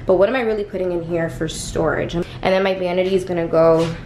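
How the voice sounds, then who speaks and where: A woman's voice: on the low side, fairly even intonation, fast, a little mellow, a little hiss or hum. A young woman vlogging casually at home, chatty and emphatic, dropping the odd swear as she talks. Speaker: lifestyle vlogger. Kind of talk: casual vlog chat. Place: indoors at home in a small room. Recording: echoey room, faint home ambience.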